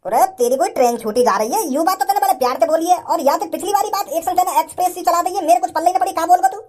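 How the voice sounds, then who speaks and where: A performer voicing a gruff village father who teases and then threatens, scolding in a mocking way, with a sped-up, high-pitched voice effect. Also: rapid-fire, darkish tone. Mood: stern. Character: gruff village father, teasing yet menacing.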